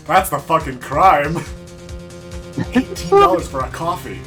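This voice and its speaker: Guy joking around over a game, swears, really lively voice, loud game music. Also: on the high side, slow pace. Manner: sweary, incredulous. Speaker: game streamer. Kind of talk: casual banter over a game.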